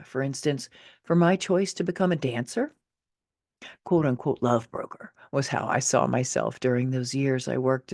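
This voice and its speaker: A middle-aged woman reads her own personal essay as scripted memoir narration, sounding expressive and candid, with wry touches and deliberate emphasis. Her pitch is extremely low, and the recording is dry and clean, made in a studio.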